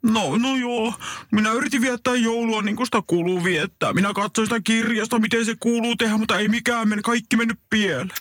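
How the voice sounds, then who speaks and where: A man's voice: sits high, fairly even intonation, fairly bright tone, no echo, studio quality. A man playing a bumbling, fretful old Santa Claus who stammers and hesitates, in a comic skit. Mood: sheepish.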